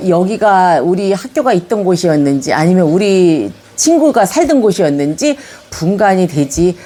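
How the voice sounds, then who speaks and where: In a calm, reminiscing tone, an older woman from Yongin, Gyeonggi, tells her life story for a video autobiography. Her Korean has a Chungcheong flavor and a lively pitch, and she becomes gently animated when recalling childhood.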